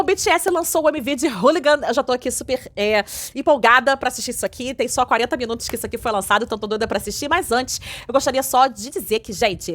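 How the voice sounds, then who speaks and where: A young woman with a Brazilian Portuguese accent hosts a casual K-pop news vlog, chatty and excitable, tagging nearly every sentence with a little question. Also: on the high side. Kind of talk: casual news chat and video reaction.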